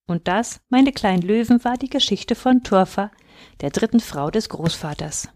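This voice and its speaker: Woman telling a bedtime story, gentle and measured, dry close sound. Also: medium pitch, lively intonation, no echo.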